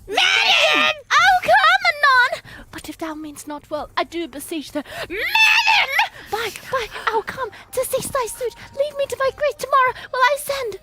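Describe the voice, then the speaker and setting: A woman's voice: very high-pitched, very animated, brisk, few pauses, very noisy. A woman playing an ardent young woman in love in a theatrical Shakespeare reading, with an impassioned, declamatory delivery. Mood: urgent, breathless.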